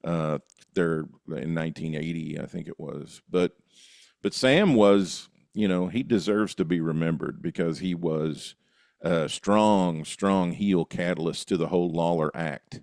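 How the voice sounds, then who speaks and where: A man's voice: low-pitched, unhurried, vocal fry, a little mellow, dry recording, clean studio sound. A man hosting a conversational podcast interview, reflective and steering the talk with questions and asides.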